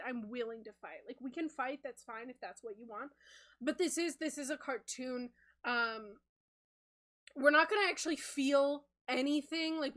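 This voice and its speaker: A self-aware cartoon seagull henchman in a rainbow hat, put on by a woman. The voice is high and bright, chatty and matter-of-fact, arguing its point with exasperated frankness. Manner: exasperated, then frankly reasoning.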